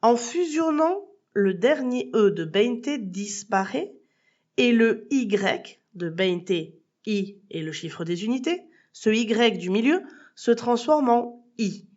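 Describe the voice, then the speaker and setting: In a muffled podcast recording, a woman who teaches Spanish speaks directly to the listener as tu, patiently spelling out words letter by letter. She talks slowly with lively intonation, in a fairly high but darkish voice.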